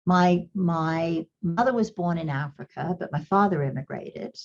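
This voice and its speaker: At a measured pace and with a lowish voice, a middle-aged interview guest with Kenyan upbringing and a faint English accent reflects earnestly, repeating words as she thinks things through. The sound is lo-fi.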